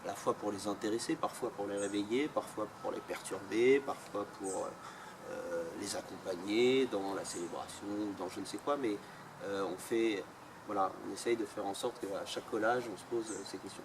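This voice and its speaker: A man with a lowish voice, speaking at normal speed, is interviewed about his photojournalism project. He answers at length but hesitantly, filling his speech with fillers. The mic is distant and there is loud outdoor noise.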